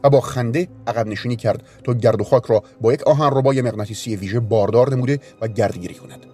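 A man reading a story aloud in a calm, measured way. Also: medium pitch, slightly rough. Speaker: narrator. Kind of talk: audiobook narration. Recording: narration with faint music bed.

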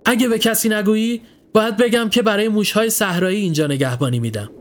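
A man's voice: sits high, expressive, pitched above the performer's own voice. A man voicing a stubborn nine-year-old boy standing guard, answering tersely and defensively. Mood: quiet, sad.

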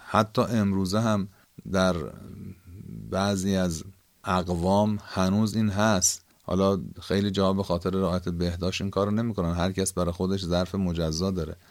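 A man's voice: deep voice, dry recording. A man with an Iranian Persian accent giving a conversational, explanatory Quran lesson, rephrasing key points as he teaches. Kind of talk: explanatory lesson on word meanings.

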